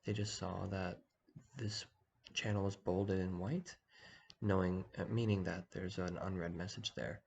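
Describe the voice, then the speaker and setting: A man talking quietly in the early morning so as not to wake anyone, giving a casual screen-share walkthrough. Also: deep voice, fairly even intonation, measured pace, gravelly, a little hiss or hum. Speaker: online community organizer giving a tutorial.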